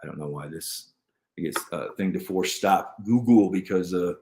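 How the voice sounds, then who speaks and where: Male live-stream host, low-leaning voice, loose and rambling, lots of restarts, echoey room. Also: moderate pace, warm tone. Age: adult. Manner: rambling, jumps between topics with many restarts. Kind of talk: casual live-stream chat, reading viewer comments. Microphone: computer mic at a desk. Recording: roomy echo.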